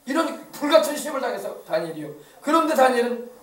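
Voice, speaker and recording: A man preaches with a high, quick voice and rousing call-and-response energy. He speaks with a regional Korean accent from the Yeosu area. His voice echoes through a church sanctuary and is picked up from some distance. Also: very animated. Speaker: pastor. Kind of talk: sermon.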